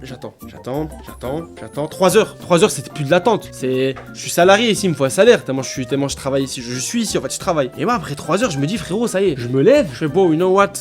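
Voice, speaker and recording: A young man from France, a vlogger, telling a story on a live stream in an animated, slangy way. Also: fast talker, hardly any pauses, faint music behind. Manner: animated, slangy storytelling that jumps into high excited voices.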